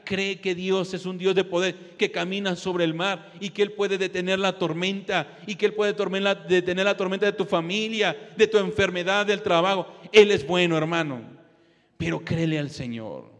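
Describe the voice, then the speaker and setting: A fervent male preacher with a high voice delivers an exhorting sermon, addressing the congregation as brother over and over. His voice carries a long reverb from a large church hall. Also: fairly even intonation, normal speed, fairly bright tone.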